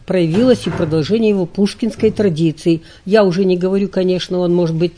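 A woman's voice: on the low side, steady tone, warm tone. Older woman lecturing with earnest hesitation. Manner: measured, earnest, many hesitations. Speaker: literature scholar guest. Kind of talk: interview answers, lecturing tone.

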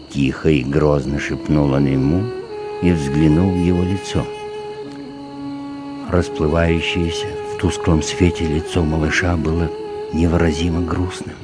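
A man calmly reading a literary story aloud as narrator, in a measured storytelling manner. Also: low-pitched. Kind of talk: audiobook reading of literary prose. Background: background music.

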